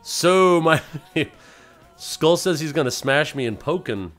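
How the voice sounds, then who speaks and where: A man's voice: on the high side, expressive, slow pace, fairly bright tone, faint music behind. A man hosting a casual game livestream, chatting loosely and playfully with viewers and slipping into silly voices. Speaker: livestream host.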